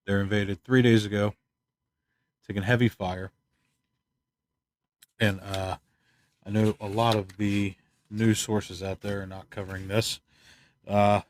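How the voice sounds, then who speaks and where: Tired, stuffed-up man with a low voice. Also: no room sound. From United States. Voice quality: hoarse, clears throat often. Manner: rambling, opinionated, tired. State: congested, stuffed up. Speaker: channel host. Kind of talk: casual news commentary vlog.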